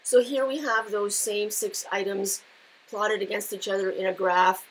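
A middle-aged woman with a growly, gravelly voice, giving unscripted market commentary in an explanatory, halting way with pauses. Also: medium pitch, fairly even intonation, low-quality recording. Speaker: market analyst and host. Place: indoors, seated before a patterned backdrop.

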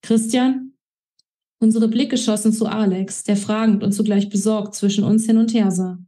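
Woman author, mellow voice, expressive first-person read of her own novel. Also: medium pitch, normal speed.

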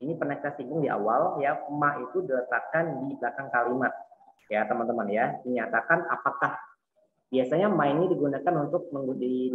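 Man, Indonesian accent, Mandarin teacher, patient explaining, slow repeated words, echoey phone-like call. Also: medium pitch. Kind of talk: online class teaching. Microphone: video call. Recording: echoey tinny online call audio.

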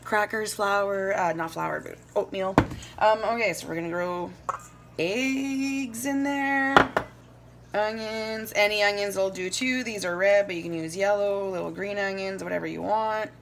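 A woman's voice: medium pitch, unhurried, heavy background noise. A woman in her thirties chatting casually through a home cooking demo in her kitchen, rambling and correcting herself as she goes, recorded on a phone camera. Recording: clear kitchen clatter of dishes and pans.

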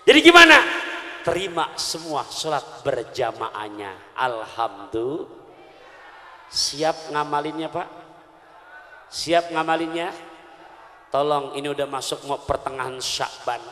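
Animated preacher in echoey hall. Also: male voice, medium pitch, slow, long pauses. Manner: animated, calls out questions to the audience, jokes with rhymes. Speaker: Islamic preacher. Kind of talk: humorous sermon. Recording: echoey hall with long reverb.

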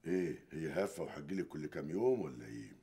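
A man's voice: extremely low pitch, expressive, quick pace, creaky, dark tone, a little hiss or hum, exaggerated voice. An Egyptian-accented man playing a defensive, flustered husband in a TV drama. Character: jumpy husband, defensive and evasive. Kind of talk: TV series acting.

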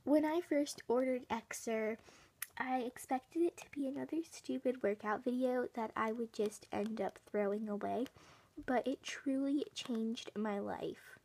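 A woman's voice: on the high side, a little slow, a little mellow, slight background noise. A woman playing a frank workout customer giving a plain-spoken testimonial in a parody infomercial.

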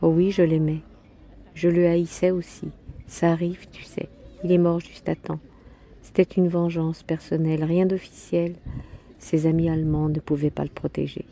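A woman's voice: deep voice, little pitch movement, moderate pace, vocal fry, dark tone, slight background noise. A woman voicing an elderly mother who speaks bluntly and without sentiment, in a storybook reading. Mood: bitter.

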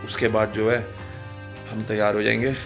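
A man's voice: fairly low pitch, little pitch movement, moderate pace, creaky, a bit bright, soft background music. Chatty man filming his family vlog. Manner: chatty, teasing, hurrying the family along. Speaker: vlogger. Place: home bedroom, later in a car. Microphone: phone camera at arm's length.

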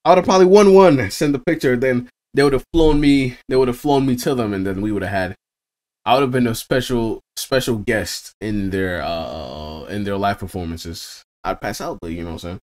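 A man's voice: mid-range voice, fairly quick, darkish tone. A tired young man casually reacting to a video late at night, laid-back and slangy, swearing freely and calling everyone bro. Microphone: own microphone.

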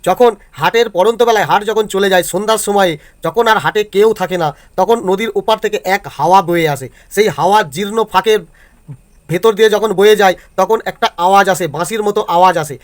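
A man's voice: high voice, fast. A male teacher explains exam answers to students step by step and keeps checking that they follow. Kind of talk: exam answer walkthrough lesson.

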